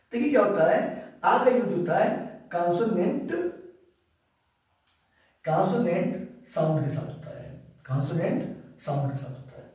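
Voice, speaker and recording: A man's voice: high voice, a little mellow. A man teaching English grammar in a lecture, repeating his questions and answering them himself. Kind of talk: classroom lecture. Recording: echoey room, mic far off.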